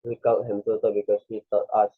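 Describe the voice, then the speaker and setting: A man voicing a melancholy, self-pitying turtle creature who speaks in a deep, hollow way, over a tinny phone-like line. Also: monotone, quick pace, slightly rough. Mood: mournful. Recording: dry, tinny phone-like recording.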